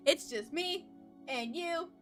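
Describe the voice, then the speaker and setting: A woman streaming a game, chatting excitedly with her audience, swearing, laughing and stumbling over repeated words, with faint game music behind. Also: very high voice, slow pace. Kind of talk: casual live-stream chat.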